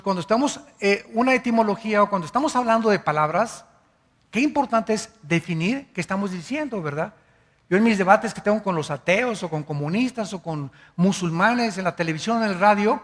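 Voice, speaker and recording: A man's voice: sits high, a bit bright, long reverb tail. A man preaching a sermon as pastor, teaching like a teacher, spelling out words letter by letter and asking his listeners questions. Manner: asks the congregation questions.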